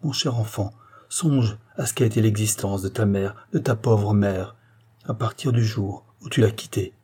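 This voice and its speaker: A man reading a dying mother's words in an audiobook, impassioned and pleading, with a husky voice. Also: on the low side, normal speed, dark tone. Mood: tender pleading. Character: dying middle-aged mother, anguished and grieving.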